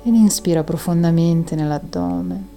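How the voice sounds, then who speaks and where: A woman leading a guided breathing meditation in a soft, soothing and calming manner, with long audible exhales. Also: lowish voice, a little slow, soft background music.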